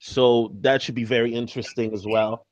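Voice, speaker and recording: A man hosting a casual live-stream interview over a video call, his audio choppy and lo-fi from a bad connection, talking in a halting way with many fillers. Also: medium pitch, little pitch movement, darkish tone, dry recording. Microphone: video call from a backup laptop.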